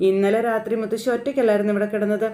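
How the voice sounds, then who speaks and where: A woman voicing a playful, affectionate teenage girl in a high, coaxing tone, retold from a TV serial. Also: fairly even intonation, rapid-fire, mellow, natural voice.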